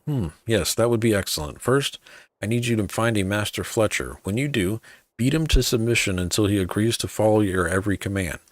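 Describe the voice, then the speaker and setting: A man's voice: on the low side, lively intonation, a little fast, no room sound, lightly acted. A man voicing an irritable, bossy male archer with a haughty, exasperated manner in a video game quest.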